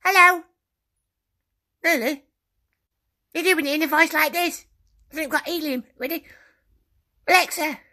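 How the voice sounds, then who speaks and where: A man's voice: unhurried, long pauses, pushed and bright, exaggerated voice. A man voicing a potato. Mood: squeaky. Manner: squeaky, giggly. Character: potato in a squeaky helium voice.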